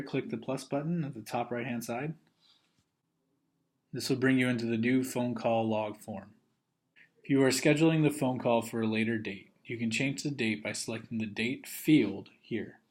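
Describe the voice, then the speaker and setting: Narrating a software training video, a man speaks at medium pitch and goes through the instructions one step at a time, methodical in a trainer's manner.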